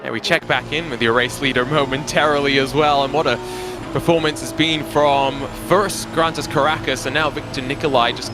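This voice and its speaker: Man, live motorsport commentary, fairly high voice, clear car noise in the background. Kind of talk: live esports racing commentary.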